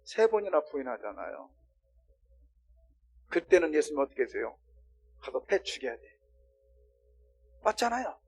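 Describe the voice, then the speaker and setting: A male pastor preaching a sermon, swinging between loud exclamations and quiet asides while questioning the congregation. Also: on the high side, breathy edge.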